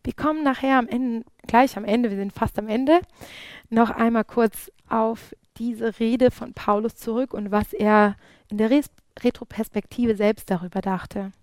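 A woman's voice: on the high side, unhurried, a little mellow, no room sound. Earnest woman preaching, dry sound. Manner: earnest, with frequent fillers and restarts. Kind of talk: Bible study sermon.

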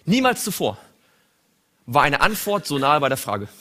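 A man preaching a sermon, dramatically acting out biblical dialogue and swinging between loud emphasis and hushed tones. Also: on the high side, big pitch swings, normal speed.

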